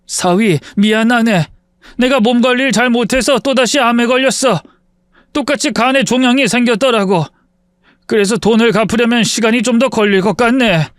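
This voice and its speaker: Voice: mid-range voice, moderate pace, no room sound, studio quality, pitched above the performer's own voice, lightly acted. A man reading the part of an elderly father who is frail and apologetic, speaking in humble, old-fashioned phrases.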